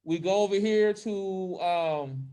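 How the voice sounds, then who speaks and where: A high school social studies teacher, his voice high and mellow, speaks slowly through a face mask that slightly muffles him. He's teaching students both in the room and online, keeping things informal and often checking that everyone is following along.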